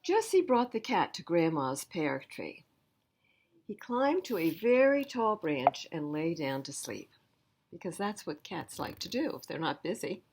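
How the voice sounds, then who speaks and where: Reading a picture book at library storytime, this woman addresses young children directly and emphatically, adding asides as she tells the story. She has a lowish, sing-song voice and speaks a little slowly against a noisy background.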